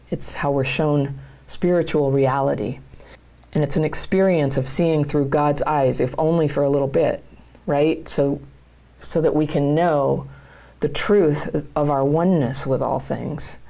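Woman, middle-aged, low pitch, gravelly, coaching talk, earnest, plain-spoken. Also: mellow. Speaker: channel host and coach. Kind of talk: direct-to-camera advice talk.

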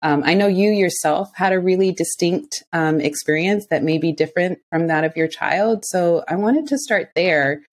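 A woman's voice: fairly low pitch, normal speed, few pauses. A woman hosting a podcast, reading her introduction and then interviewing a guest. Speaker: podcast host.

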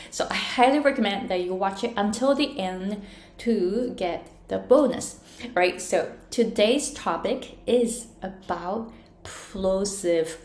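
A woman's voice: mid-range voice, darkish tone. Woman coaching pronunciation, drags out sounds to show them, echoey room. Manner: demonstrates sounds by exaggerating them. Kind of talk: bilingual pronunciation lesson. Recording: roomy echo.

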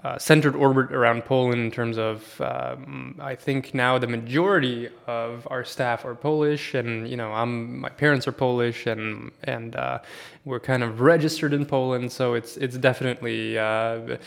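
A Swedish-raised man chats casually as a podcast guest in a mid-pitched voice with a gravelly edge. At normal speed and in a relaxed way, he rambles, stops and restarts, and fills gaps with lots of "uh" and "you know."

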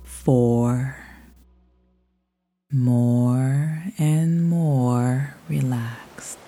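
A woman guiding a sleep meditation like a slow soothing countdown, hushed and trailing off toward a whisper, as a podcast host. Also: rumbling low. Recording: soft music behind the voice. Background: soft music.

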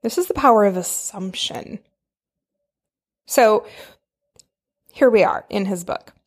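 A woman's voice: mid-range voice, slow pace. A woman hosting a spiritual self-help podcast, talking to listeners in a chatty, emphatic way. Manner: chatty, emphatic, addresses listeners with pet names. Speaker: podcast host. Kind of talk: spiritual self-help podcast talk with read-out book passages.

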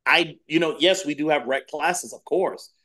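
A man in his thirties, a dance acrobatics coach chatting as a podcast guest, telling stories with animated energy and repeating phrases for emphasis. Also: on the high side, moderate pace. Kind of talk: casual interview chat.

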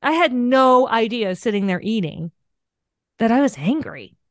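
Animated woman podcast host, dry sound. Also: a little high, a little slow, no echo. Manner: animated storyteller, self-deprecating, laughs often. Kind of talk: casual interview chat.

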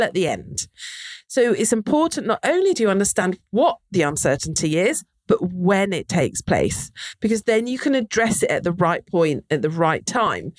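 A woman's voice: mid-range voice, no echo. A woman presenting a conversational explainer, speaking straight to the listener and posing rhetorical questions, recorded on a close microphone. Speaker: marketing trainer and presenter.

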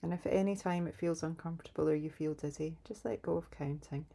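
A woman leading a calm guided grounding exercise in a soft, soothing, unhurried way, pausing between instructions. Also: deep voice, vocal fry. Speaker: meditation guide.

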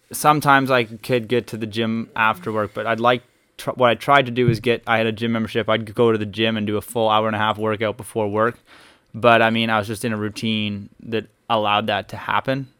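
A man's voice: lowish voice, level tone, brisk, sharp tone, clean tone. A young man co-hosting a casual podcast in a small studio, rambling eagerly through long explanations. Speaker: podcast co-host. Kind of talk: casual chat.

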